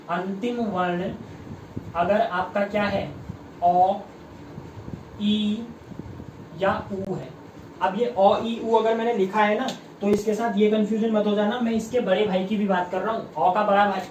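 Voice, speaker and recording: Here a man with a high voice and darkish tone leads an online exam-prep class, asking questions again and again and voicing his students' comments. There's some hiss or hum, and the distant mic catches the room's echo.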